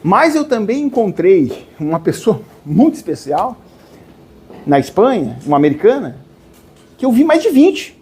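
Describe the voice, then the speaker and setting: A man's voice: high voice, big pitch swings, moderate pace, dark tone, a little hiss or hum. A man gives a spiritual lecture to a live audience. He questions his listeners and calls them dear ones.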